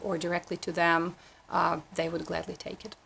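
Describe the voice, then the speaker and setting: Flat, gravelly-voiced woman from Ukraine. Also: lowish voice, fast. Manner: earnest, with frequent fillers and restarts. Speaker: guest. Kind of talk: conversational interview answers. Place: community TV studio.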